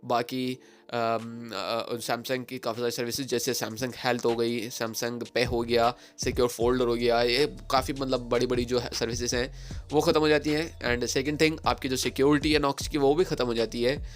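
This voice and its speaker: A man's voice: medium pitch, little pitch movement, moderate pace. A man hosting a tech channel, explaining phone updates in a casual, chatty way with frequent fillers and English phrases mixed in.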